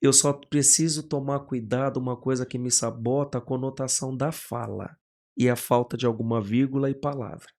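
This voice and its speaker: A man's voice: mid-range voice, moderate pace. A man, a pastor talking as a guest on a podcast, telling stories with energy and acting out other people's lines. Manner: animated storyteller who acts out quoted voices. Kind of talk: casual podcast conversation.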